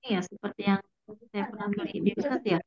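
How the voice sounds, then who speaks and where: A woman's voice: mid-range voice, quick pace, no echo. A woman, a student politely asking her teacher questions in an online class, her voice breaking up over the call connection. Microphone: online call audio. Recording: dull dry lo-fi call line.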